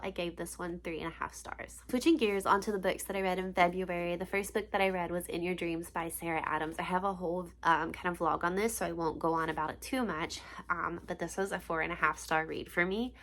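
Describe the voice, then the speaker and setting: Sniffly and congested, this young woman gushes over the books she's read in a casual book review chat, dropping plenty of ums and likes. She's a book vlogger whose lowish voice has a fairly bright tone.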